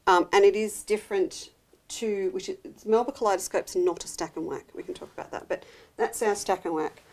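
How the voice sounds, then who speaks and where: A woman's voice: mid-range voice, a little fast, darkish tone. Aussie woman chatting about quilt fabric, teasing, laughs easy. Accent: Australian. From Australia. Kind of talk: casual chat on a live craft show.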